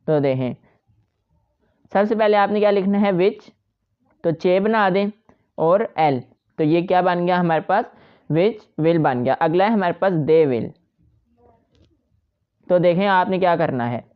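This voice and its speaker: A woman's voice: fairly low pitch, highs cut off. A woman teaching shorthand step by step, patiently repeating each point to her students. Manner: patient, repetitive explaining to students. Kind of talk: step-by-step tutorial.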